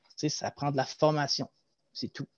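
A man's voice: on the high side, normal speed, dry recording. A young man with a Québécois French accent, explaining things at length and with energy in a casual video-call interview. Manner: animated, explanatory, gestures while talking. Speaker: guest, former loss-prevention agent. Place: small room at home. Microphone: headset. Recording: dull lo-fi video call audio.

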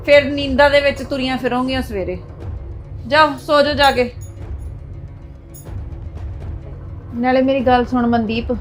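A woman playing a bossy old grandmother who nags the family to go to sleep. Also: high-pitched. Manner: nagging, bossy. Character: bossy elderly grandmother running the house.

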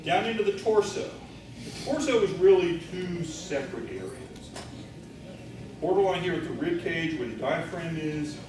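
A man's voice: fairly high pitch, animated, normal speed, very echoey, noisy background. A man giving a blunt, matter-of-fact keynote lecture with demonstrations in a large hotel meeting room, recorded by a far camera. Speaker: keynote speaker. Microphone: far camera, no visible mic.

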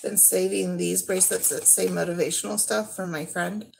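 A woman in her thirties, a vlogger, casually chats through a thrift haul in her living room, describing each item as she handles it. Her voice is lowish, gravelly and darkish, with fairly even intonation. She's unhurried and trails off while handling things, and the rough recording carries a little hiss or hum.

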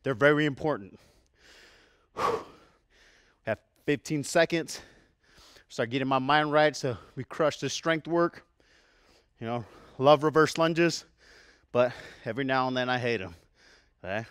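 A man's voice: medium pitch, measured pace, pauses often, fairly bright tone, smooth, dry recording, clean studio sound. A young man coaching a kettlebell workout, counting reps aloud, out of breath and sighing between sets. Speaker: fitness coach. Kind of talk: workout instruction.

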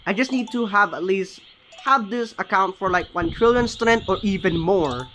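A man giving casual, excited gameplay commentary, often stopping to correct his own words. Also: sits high, moderate pace, a little hiss or hum. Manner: excited, often corrects himself mid-sentence. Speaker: gaming channel host.

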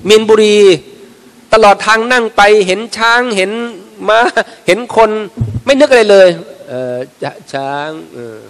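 A man with a fairly high voice teaches a religious class in a casual, storytelling way, now and then slipping into little acted-out scenes. His voice rings through the long reverb of a large mosque prayer hall. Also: normal speed, smooth. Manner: lively storyteller who acts out little everyday scenes. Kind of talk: informal religious lecture.

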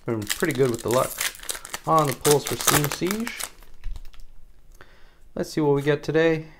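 A man's voice: a little high, animated, a little slow, background noise. Casual, chatty man hosting a giveaway vlog. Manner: chatty, addresses viewers as "guys", repeats phrases. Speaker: YouTube host of a trading card channel. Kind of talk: casual upbeat card-opening and giveaway vlog.

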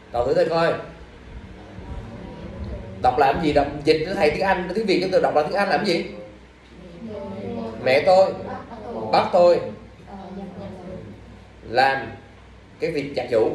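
A man's voice: fairly high pitch, a little mellow, a little hiss or hum. Male English teacher, quizzing and scolding a class; distant, roomy recording. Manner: scolding, drilling questions at students. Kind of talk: classroom exam review lesson. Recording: echoey room from far off.

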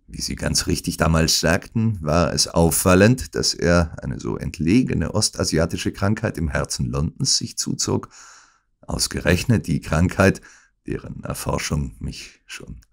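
A man voicing a sneering villain who loudly taunts and mocks a bedridden rival. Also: deep voice, vocal fry, exaggerated voice. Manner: loud, taunting, mocking. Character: sneering, mocking male villain gloating at a rival. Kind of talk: audiobook acting.

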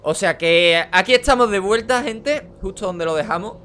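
A young man hosting a gaming channel, with a forceful, tense delivery. His speaking voice sits a little high, and his commentary is casual and excitable, with the odd curse. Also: normal speed, slight background noise. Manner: energetic, casual, swears in frustration. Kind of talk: casual let's play commentary.

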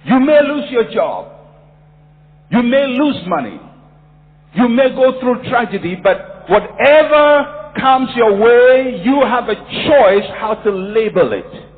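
A man's voice: very high voice, animated, takes it slowly. A man from Ghana preaching a sermon, emphatic and repetitive, telling stories from his own life. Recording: phone-like audio in a reverberant hall.

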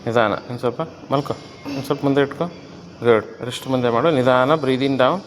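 A man's voice: mid-range voice, fairly quick. A man coaching in a gym, barking short commands and counting off reps one by one. His voice sits in the middle range and carries a long echo off the hall walls. Faint music plays behind him. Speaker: fitness coach training his wife.

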